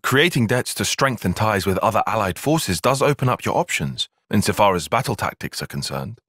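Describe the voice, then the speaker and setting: In a video game cutscene, a young male soldier tactician sounds analytical and composed, his fairly low, slightly husky voice expressive and a bit bright. His earnest, formal delivery is precise and measured, captured at studio quality without echo.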